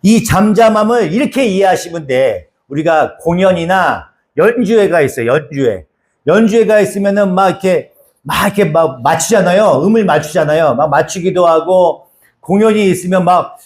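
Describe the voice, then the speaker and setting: Male pastor, high voice, chatty sermon delivery that acts out quotes. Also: a little mellow. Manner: conversational preaching with acted-out quotes and repetition.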